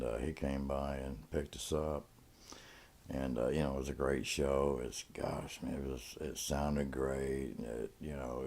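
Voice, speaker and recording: A man's voice: extremely low pitch, a little mellow. A middle-aged man casually telling rambling stories from his past, with lots of fillers and restarts. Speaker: storyteller. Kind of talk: casual spoken reminiscence.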